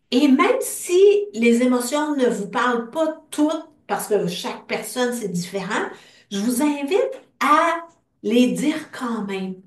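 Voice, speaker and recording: A woman with a Québécois French accent leading a guided group tapping session, speaking slow, calm phrases for others to repeat. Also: on the high side. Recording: roomy sound from a distant mic.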